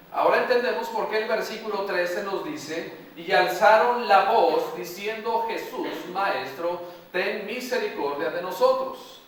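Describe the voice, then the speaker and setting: A male pastor from Mexico preaching a sermon slowly and emphatically, repeating phrases and putting questions to the congregation. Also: high-pitched. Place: large church hall. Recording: echoey hall, voice from far off.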